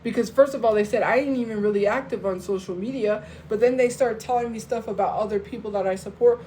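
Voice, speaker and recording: A woman's voice: fairly high pitch, quick pace, mellow, a little hiss or hum, low-quality recording. Heated woman streamer venting to viewers. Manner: heated and defensive, talks straight to viewers. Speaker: live streamer. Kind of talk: casual live-stream rant.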